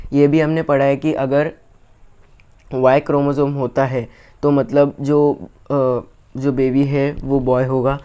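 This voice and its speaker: A man with an Indian accent teaching an exam revision lesson, reading each English line very slowly and then explaining it in quicker Hindi. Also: medium pitch, warm tone, clean tone.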